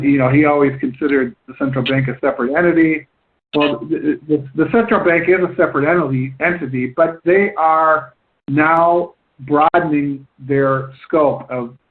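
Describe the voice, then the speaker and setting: A man with a slightly high voice hosts a conference call over a thin, phone-like line. He explains points at length and haltingly, circling back to rephrase as he goes.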